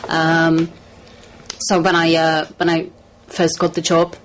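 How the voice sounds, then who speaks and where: A woman from the Czech Republic, a studio guest in a radio interview, talking in a measured, hesitant way with many fillers. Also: deep voice, completely flat delivery, slight background noise, rough recording.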